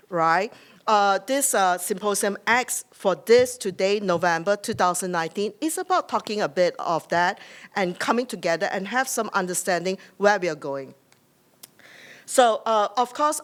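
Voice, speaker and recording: A woman's voice: medium pitch, fairly bright tone. A middle-aged woman from Singapore with a Singaporean English accent, giving welcome remarks at a symposium from a podium microphone, rambling loosely and tagging her points with "right?". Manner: loose, rambling delivery with frequent "right?" tags and fillers. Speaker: conference host. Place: conference hall, speaking at a podium.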